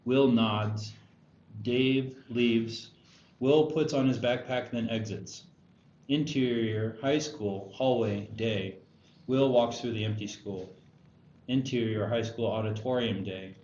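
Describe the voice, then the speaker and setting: Reading the scripted stage directions, this male narrator speaks slowly and steadily in a darkish, mid-range voice. He's at a screenplay table read in a roomy indoor room. The recording sounds dull and echoey, with a little faint noise.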